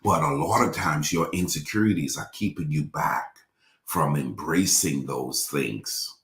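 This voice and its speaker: Very deep but fairly bright in tone, the man speaks unhurriedly, and the sound is roomy. A forty-something pastor from the Bahamas, he preaches by repeating himself and guiding his congregation through call-and-response affirmations.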